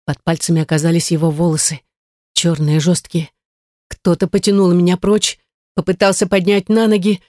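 A woman's voice: fairly low pitch, flat delivery, normal speed, darkish tone, no room sound. A woman reading a first-person novel in a tense, dramatic way into a close studio mic. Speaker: audiobook narrator.

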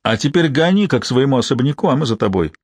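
Hard outlaw rider, low metallic voice, cold curt threats, voiced by a male narrator; dry close sound. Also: lively intonation, fast, darkish tone, no room sound, close to an everyday voice. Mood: menacing. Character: hard-eyed outlaw rider, man, menacing.

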